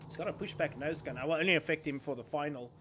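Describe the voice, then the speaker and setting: A man's voice: fairly high pitch, fast talker, a bit bright, a little hiss or hum. A man giving live kart racing commentary as a motorsport commentator, following the action as it unfolds.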